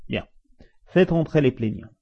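A man's voice: mid-range voice, animated, measured pace, lo-fi sound, voice pushed up. A man reading aloud and voicing a fat, round, officious male judge in a courtroom scene, with a raised, fussy voice.

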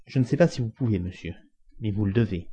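A man reading the part of a calm, resolute English gentleman, cool and measured. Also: on the low side, close to an everyday voice. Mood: firm. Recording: dull lo-fi recording.

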